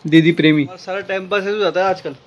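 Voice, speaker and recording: राजस्थानी लहजे में बोलने वाला एक आदमी, जो फ़ोन कैमरे पर घर और सैर के दौरान अपने बच्चों के बारे में मज़ेदार, बातूनी अंदाज़ में व्लॉग कर रहा है।. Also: male voice, high-pitched, steady tone, fast talker, muffled recording, slight background noise. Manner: chatty, playful, talks to kids and viewers. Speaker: family vlogger and father. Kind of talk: casual vlog narration. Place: home, indoors; later outdoors on a walk.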